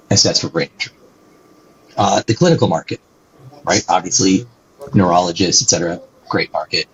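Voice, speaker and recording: Deep and gravelly with a breathy edge, this man's voice belongs to a company executive being interviewed. He answers conversationally and animatedly, frequently adding "right?", and the lo-fi audio comes across as dull.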